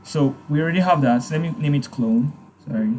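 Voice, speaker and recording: A man hosting a casual software tutorial, hesitant, with many fillers and restarts. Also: a little high, fairly quick, slight background noise. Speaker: tutorial host. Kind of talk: casual screen-recorded tutorial.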